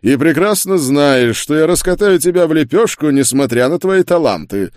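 A man's voice: medium pitch, moderate pace, darkish tone, no echo, studio quality, voice pushed up, close to an everyday voice. A man reading an audiobook, voicing an arrogant duke and sorcerer who speaks in a cold, sneering and weighty way. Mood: cold arrogance. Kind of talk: audiobook character voice.

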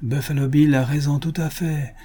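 A desperate old father who begs with raised arms and tears, pitched above the reader's own voice, as a male narrator puts him on. The tone stays dark and husky, with a strained lift. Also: steady tone, moderate pace. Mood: pleading. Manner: raised, tearful pleading.

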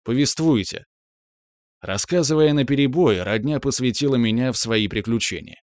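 A man reading a first-person audiobook story in a calm, reflective manner. His voice sits at a middle pitch, and the recording is dry and close. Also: brisk, no room sound. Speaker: narrator.

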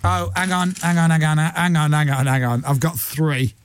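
A man's voice: on the high side, flat delivery, moderate pace, a little hiss or hum. A man hosting a radio show, teasing and laughing through casual studio banter. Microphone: studio microphone.

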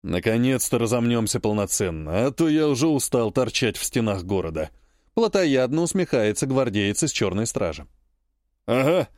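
A man giving scripted, expressive narration of an audiobook. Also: mid-range voice, moderate pace, no echo, clean studio sound.

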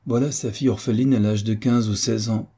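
A man voicing a worldly, confident young gentleman who talks in a lively way. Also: fairly low pitch, brisk, husky.

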